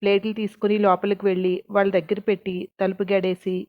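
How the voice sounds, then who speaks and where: A woman narrating a story as a storyteller, reading in a steady, even way. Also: mid-range voice, fast, no echo, phone-quality sound. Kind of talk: scripted narration.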